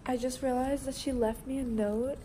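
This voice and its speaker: A young woman chatting casually to her vlog in a bubbly, excitable, slangy sorority-girl manner. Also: sits high, moderate pace. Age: young adult. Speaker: vlogger, sorority member. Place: campus patio, halls and bedroom. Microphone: phone at arm's length. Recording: noisy phone recording, background room noise.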